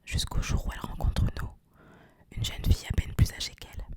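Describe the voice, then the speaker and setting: A young adult woman doing ASMR book talk in a hushed, breathy library whisper with no voice behind it. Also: brisk. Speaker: host of a book recommendation video. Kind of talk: whispered ASMR talk about favourite books, with some reading aloud.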